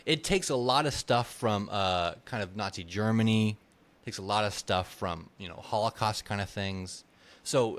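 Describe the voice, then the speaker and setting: A man's voice: lowish voice, a bit bright. A male author reading his fantasy novel aloud, then answering questions hesitantly with many fillers. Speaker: author, guest. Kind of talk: book reading and interview.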